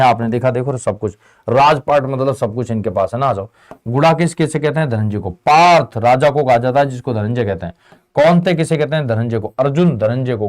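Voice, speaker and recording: A man's voice: mid-range voice, darkish tone. A male teacher leading an online exam-prep lesson, casually drilling students by asking questions and answering them himself. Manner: call-and-response drilling, answering his own questions; casual, addresses students as beta and bhai. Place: Indian tutoring channel.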